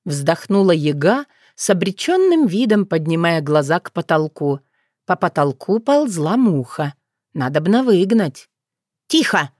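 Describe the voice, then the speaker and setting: A woman narrating a fairy tale with expressive, animated intonation. Her pitch sits mid-range for a woman and moves lively through each sentence. The sound is close and dry, with no room echo. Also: a little slow. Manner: expressive storytelling. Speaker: audiobook narrator.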